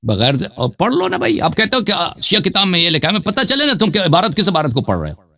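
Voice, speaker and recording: Debate host, male, bright voice, lively pitch, pushy and repetitive. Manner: insistent, repeats demands, accuses the caller of lying. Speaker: host of a live debate show. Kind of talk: heated live debate.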